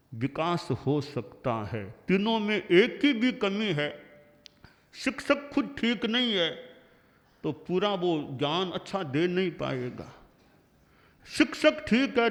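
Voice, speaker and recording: An older man giving a slow, measured religious discourse, explaining his points with worked examples. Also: sits high. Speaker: Jain acharya giving a discourse. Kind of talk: sermon. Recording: long hall reverb.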